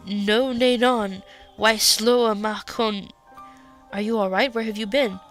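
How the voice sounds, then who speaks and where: A woman's voice: mid-range voice, steady tone, a little slow, soft background music, natural voice. A woman reading the part of a protective male elf who worries over his sister and threatens a guard. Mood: worried.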